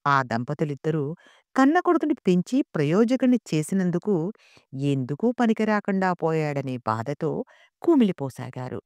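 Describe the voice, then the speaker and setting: A woman reading a story aloud as a narrator, with a dramatic, expressive manner. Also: sits low, moderate pace, no room sound.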